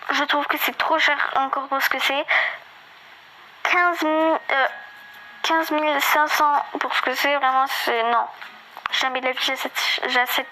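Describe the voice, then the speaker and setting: A woman's voice: high voice, fairly even intonation, a little slow, long pauses, sharp tone, a little hiss or hum, low-quality recording. A woman giving a casual, hesitant game walkthrough, full of fillers and restarts, with a slight lisp. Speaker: gaming video creator.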